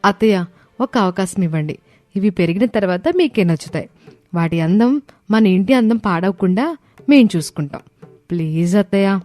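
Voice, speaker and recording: A woman voicing young daughters-in-law in an animated story, eager and pleading. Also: mid-range voice, moderate pace, long pauses, no echo, soft background music, close to an everyday voice.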